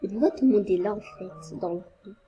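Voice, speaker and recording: A woman's voice: medium pitch, brisk, mellow, dull audio, a little hiss or hum. A woman casually commenting on a game as she plays, in a hesitant, rambling way with many fillers. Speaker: gaming video creator.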